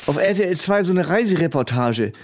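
A man's voice: sits high, animated, fairly quick. A man trading absurd comedy banter in a hesitant, stammering, fussy way. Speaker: comedy duo partner.

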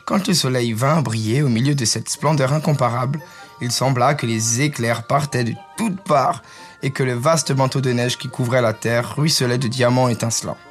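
A man narrating a fairy tale in a calm, descriptive storytelling manner. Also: medium pitch, moderate pace, soft background music. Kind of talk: reading a fairy tale aloud.

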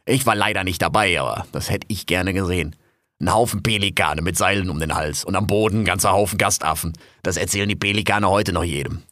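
A man voicing a brash, foul-mouthed male raccoon, loud and jumpy in an audio drama. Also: sits low, fast, no echo, studio quality. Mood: chatty. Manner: loud, cursing, jumpy and excitable.

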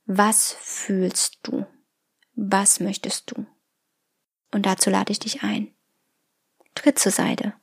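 A woman hosting a podcast, speaking to the listener in a calm, reflective self-help monologue and sometimes dropping to a soft whisper. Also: medium pitch, slow, vocal fry, long pauses, husky. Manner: calm, addresses the listener directly, drops to a soft whisper at times. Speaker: podcast host.

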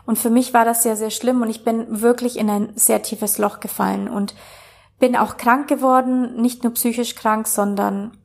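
A young woman speaking earnestly and reflectively to her followers, sharing a personal story with pauses and fillers. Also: fairly high pitch, fairly even intonation, vocal fry, darkish tone.

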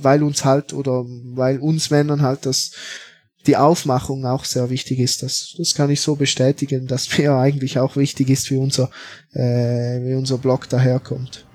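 A man's voice: medium pitch, darkish tone. A man, a football fan talking as a podcast guest, hesitant with many fillers and restarts. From Switzerland. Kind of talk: casual interview talk.

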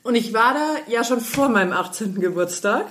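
A woman's voice: a little high, lively intonation, a little fast, a bit bright, a little hiss or hum. A woman, co-hosting a casual podcast and telling chatty anecdotes. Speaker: podcast co-host. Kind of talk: casual chat.

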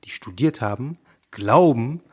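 A man co-hosting a casual podcast, talking in a measured way and asking probing questions. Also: medium pitch, expressive, husky. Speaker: podcast co-host. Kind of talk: casual chat.

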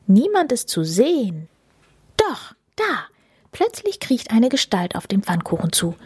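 A woman narrating a children's story in a whispered role-play style, soft and hushed. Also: fairly high pitch, very animated, normal speed, husky, dry recording.

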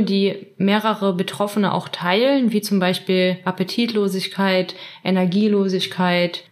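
Woman, 24, group leader, slow hesitant speech, mid pitch. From Trier, Germany. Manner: slow, hesitant, many fillers. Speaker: self-help group leader. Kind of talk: interview answers.

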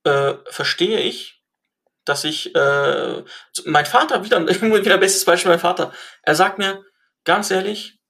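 A young man of Syrian family background, chatting and telling stories in an animated way, with lots of fillers and restarts. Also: high voice, unhurried. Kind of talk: casual conversation.

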